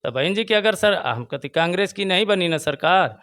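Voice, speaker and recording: A man with a Bhojpuri-tinged Hindi accent speaks earnestly in an interview, his voice slightly high and notably clear and resonant. He circles back to his main points and presses them harder as he goes. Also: animated, moderate pace, a bit bright. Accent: Bhojpuri-tinged Hindi of eastern Uttar Pradesh. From Chandauli, Uttar Pradesh. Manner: earnest, repeats his points, rises in emphasis. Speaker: local party booth president, interviewee. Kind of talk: casual political opinion interview.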